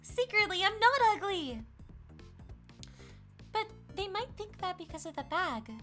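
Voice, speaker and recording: A very high, bright, meek little voice belongs to a naive ooze girl in a visual novel. She speaks slowly and timidly, with lively swoops of pitch. Gentle game music plays underneath. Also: heavily acted. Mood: timid, sweet. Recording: game audio over music.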